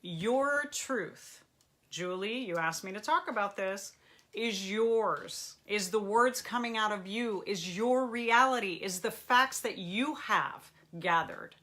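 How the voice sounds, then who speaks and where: A middle-aged woman, a therapist, talks straight to her livestream viewers in an animated, joking way and answers their comments as she goes. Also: mid-range voice, takes it slowly. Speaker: therapist hosting a live Q&A. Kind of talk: live-stream talk to viewers. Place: room in front of a bookshelf and ladder.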